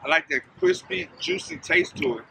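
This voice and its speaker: A man's voice: very high-pitched, huge pitch swings, moderate pace, pushed and bright. A man reviewing food in casual, slangy chat, describing tastes eagerly while chewing. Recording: clear background noise.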